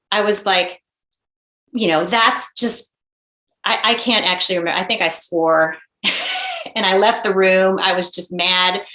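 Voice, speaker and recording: A woman in her forties, a mother and interview guest, telling a personal story in an earnest, halting way with many restarts. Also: mid-range voice, pushed and bright. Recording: roomy echo.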